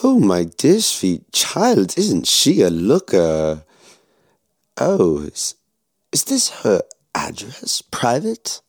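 A man voicing a sneering male officer villain who taunts in a drawn-out, purring way. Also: fairly low pitch, wildly swooping pitch, dry recording, studio quality, full character voice. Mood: sly.

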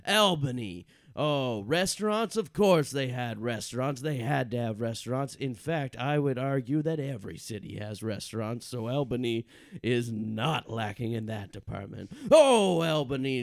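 A mock-grand travel narrator acted by a man in improvised comedy. He gushes theatrically with drawn-out words in a mid-pitched voice, recorded close and dry. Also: gravelly, no echo. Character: grandiose male travel narrator, gushing over small cities.

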